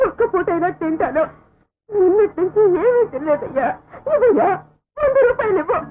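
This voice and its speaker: An actress playing a fiery, defiant woman who taunts and curses the men around her, in film dialogue. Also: very high voice. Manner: scornful, cursing and taunting. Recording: tinny narrow-band film soundtrack with music.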